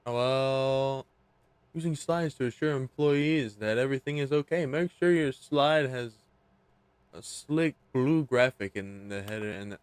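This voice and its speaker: A man's voice: medium pitch, a little slow, smooth. A young man casually commenting on a game as he plays, muttering and playfully echoing the narrator. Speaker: gameplay streamer.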